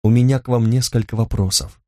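A man's voice: mid-range voice, steady tone, darkish tone, no echo, studio quality, lightly acted. A man voicing a reserved young man who speaks curtly and coldly, in a storybook reading. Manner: curt, cold, measured. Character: cold, reserved young man seeking answers.

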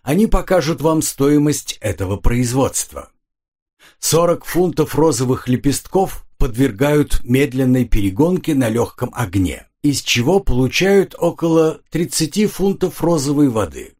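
Calm, serious engineer, voiced by an audiobook narrator; husky, varied intonation. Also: male voice, mid-range voice, a little slow. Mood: explaining. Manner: serious, explanatory.

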